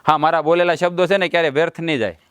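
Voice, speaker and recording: A man's voice: fairly high pitch, fairly even intonation, racing, clean tone, no room sound, studio quality, close to an everyday voice. A man playing a boastful village husband who swears to fix things in a family drama. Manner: boastful, swaggering, blustering. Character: proud blustering village husband, middle-aged.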